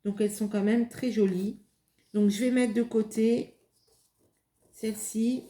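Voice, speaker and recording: A woman's voice: on the high side, steady tone, a little slow, warm tone, a little hiss or hum. A woman hosting a craft video, talking casually and hesitantly as she demonstrates and tests materials. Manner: hesitant, many fillers and restarts. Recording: echoey room.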